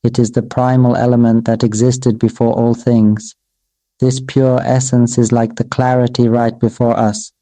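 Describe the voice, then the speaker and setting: Flat, dark-voiced monk giving a sermon. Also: male voice, mid-range voice, dry recording, low-quality recording. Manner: slow, measured, repetitive incantatory phrasing; addresses his own voice as "Mister Voice". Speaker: Buddhist monk. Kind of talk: Buddhist dharma sermon.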